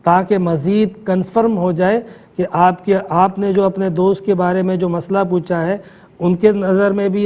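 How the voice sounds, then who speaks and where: Man, high-pitched, middle-aged, mufti, calm explanatory call-in answers.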